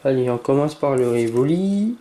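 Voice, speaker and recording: A YouTuber opens trading cards at a normal pace, chatting casually and reading the card names out loud. He stammers now and then and bursts into excited exclamations, but since it's night he holds back from shouting and keeps his voice low.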